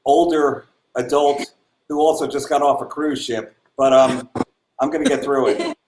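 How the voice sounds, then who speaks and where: A man, a comedian trading jokes and chuckling often in casual banter. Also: normal speed. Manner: joking, chuckles often, lively pitch. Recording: echoey room with faint noise.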